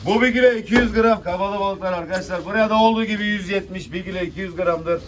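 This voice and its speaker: High-pitched male fish auctioneer, distant noisy recording. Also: fast. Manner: chanting rising bids, familiar with buyers. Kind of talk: auctioneer calling out bids to a crowd. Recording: distant noisy mic with clicks, birds.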